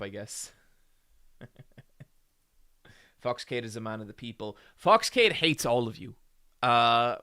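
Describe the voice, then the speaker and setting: Gravelly forty-something man chatting with viewers. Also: medium pitch, bright, forceful tone. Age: 40s. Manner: joking, rambling, many ums. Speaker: streamer. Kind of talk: casual live-stream chat with viewers.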